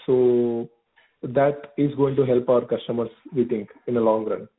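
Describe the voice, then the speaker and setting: A man with a South Indian accent speaking conversationally as a customer on a call, halting and repeating his words. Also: medium pitch, fairly even intonation. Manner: halting, repeats words and often adds "actually". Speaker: business customer on a sales call. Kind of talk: conversational phone enquiry. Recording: tinny, narrow phone-line audio.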